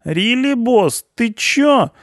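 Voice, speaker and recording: A man's voice: unhurried, no room sound, studio quality, natural voice. A man voicing a brash, slangy young male punk in an audiobook. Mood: indignant. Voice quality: high, squeaky, slangy drawl. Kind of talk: audiobook character voice.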